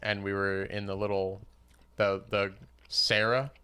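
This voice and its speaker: A man's voice: on the low side, level tone, unhurried, bright, forceful tone, clean tone. A man in his twenties co-hosting a podcast, chatting casually and eagerly about school memories. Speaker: podcast co-host. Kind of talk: casual chat.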